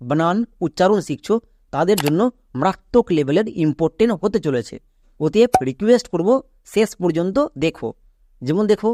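Male teacher, high voice, dry close mic, patient step-by-step video lesson. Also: a little mellow, dry recording. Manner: explains step by step, asks and answers his own questions. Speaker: English teacher.

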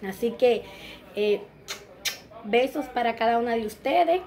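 Dominican lady in her 30s talking to her phone at home, kinda high voice, chatty and blessing everyone. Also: animated, a little slow. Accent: Dominican Spanish. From Dominican Republic. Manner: warm blessings and greetings to viewers, chatty. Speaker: vlogger. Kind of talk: casual vlog chat. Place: small bright room at home, indoors. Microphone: phone camera close up.

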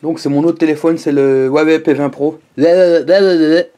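At home, a man reviews food for a casual vlog, talking to the camera with lively exclamations and asides to his viewers. His voice sits a little high, and he speaks a little fast.

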